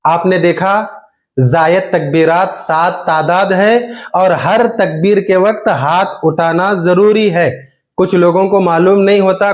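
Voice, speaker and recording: A man, patiently explaining step by step how to perform a prayer. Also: sits high. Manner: slow, patient explaining with drawn-out takbirs. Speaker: religious teacher.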